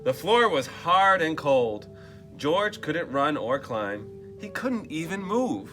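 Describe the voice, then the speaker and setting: With faint music in the background, a man whose voice is a little high reads a storybook to children very animatedly and slowly. His tone is bright and forceful, and he drops in casual muttered remarks and questions for his audience.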